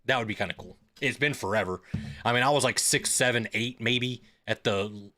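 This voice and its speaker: A man's voice: medium pitch, normal speed, bright, forceful tone. A man in his thirties hosting a live stream, chatting casually and telling rambling stories. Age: 30s. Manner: rambling storyteller with filler words and restarts.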